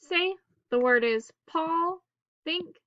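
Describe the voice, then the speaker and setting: A woman teacher leading a phonics drill for children in staccato, clipped single words with pauses between them. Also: very high voice, animated, fairly bright tone, no room sound, dull audio.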